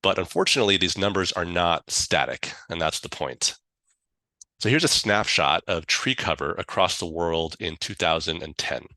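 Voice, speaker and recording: A man presenting to an online audience in a clear, explanatory way with rhetorical questions. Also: low-pitched, animated, normal speed, sharp tone, no room sound. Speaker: panel speaker, forester. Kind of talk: prepared presentation.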